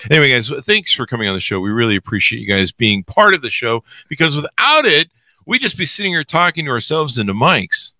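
An animated man hosts a podcast in a bright, forceful voice that cracks as if giving out. He rambles and jokes with theatrical exaggeration, his pitch swinging widely, recorded close and dry. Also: a little fast, no echo. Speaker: podcast host. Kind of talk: animated off-the-cuff podcast intro.

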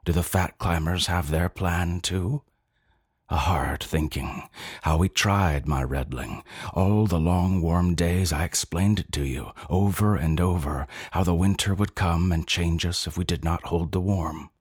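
Deep, husky man reading a dark story. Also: a little slow, no echo, studio quality. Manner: intense, tender, brooding. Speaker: narrator.

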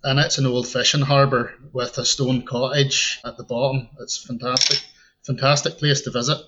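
This Northern Irish man, whose accent has an Ulster Scots tinge, is a tour guide appearing as a podcast guest for relaxed interview chat, easygoing and often chuckling. His medium-pitched voice is flat at a normal speed, and the audio is dull with heavy background noise.

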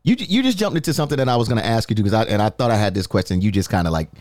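Man, podcast host, lively rising and falling pitch, dry close sound. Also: very fast, no room sound. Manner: animated, questioning, restarts often. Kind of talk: casual podcast chat.

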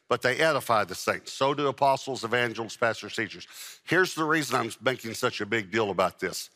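A man's voice: mid-range voice, pushed and bright. A man preaching a sermon to a live congregation as pastor, pressing on key words and repeating them for emphasis. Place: church with a congregation. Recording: long hall reverb.

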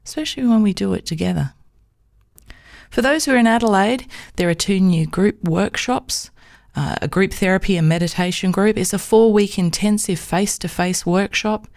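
A woman, a psychotherapist and podcast host, reading a scripted narration in a calm, measured storytelling way. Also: mid-range voice, creaky.

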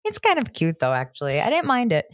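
A woman co-hosts a podcast with a lively voice that rises and falls freely. Her banter is casual and slangy, playfully sarcastic and peppered with the odd swear. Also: mid-range voice, fast talker. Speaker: podcast co-host.

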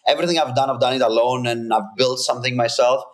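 Here a company founder, a man in his thirties from Greece, talks as a guest in casual interview conversation. His voice is medium-pitched and steady in tone, the pace quick, and he speaks earnestly and emphatically while often restarting sentences.

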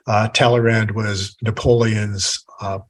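Husky-voiced man telling history calmly. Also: on the low side, poor audio. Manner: measured storytelling explanations. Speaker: author guest. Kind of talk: podcast interview conversation.

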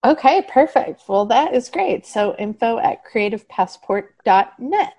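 A chatty woman hosts a podcast interview and keeps the tone upbeat. She laughs often, and her voice sits slightly high for a woman. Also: lively intonation, unhurried, darkish tone. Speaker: podcast host. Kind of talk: interview wrap-up chat.

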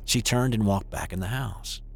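An older man telling his own eerie childhood story in the first person, hesitant and hushed, with small restarts. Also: on the low side, animated, normal speed, vocal fry. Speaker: narrator of a true eerie story.

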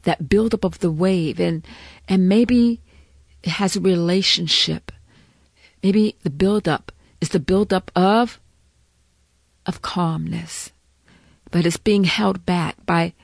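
A woman with a fairly low voice guides a breathing meditation very slowly. She is soothing and encouraging, repeating short phrases with halting gaps. The sound is dry and close, with faint music behind her. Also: gravelly, no echo.

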